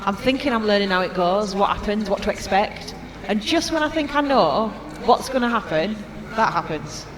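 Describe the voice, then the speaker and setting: A man's voice: sits high, animated, moderate pace, few pauses. A man chatting casually as co-commentator, sounding amazed and agreeable, echoing words for emphasis. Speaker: co-commentator and novice drifting participant. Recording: crowd noise behind trackside chat.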